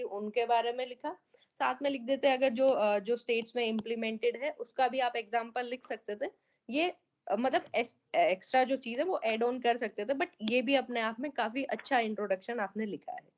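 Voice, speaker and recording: A woman teaching over an online call, her voice sitting a little high. She explains patiently and keeps checking in with her students. The audio is muffled and lo-fi. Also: darkish tone. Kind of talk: online class feedback on student essays. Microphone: online meeting audio.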